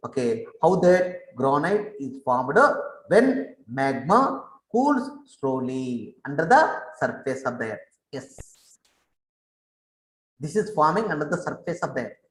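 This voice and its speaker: Male science teacher, very slow and repetitive, a bit high-voiced, echoey room on an online call. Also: big pitch swings. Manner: repetitive, mixes English and Telugu, drills pronunciation. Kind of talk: online class lecture. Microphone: online class call.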